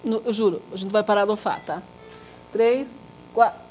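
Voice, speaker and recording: A woman teacher leading a live Suzuki violin workshop, lively and demonstrative, chanting body parts in rhythm with the group. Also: moderate pace, faint music behind. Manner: lively and demonstrative, drops to a soft low voice to make a point. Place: workshop room with a group of students.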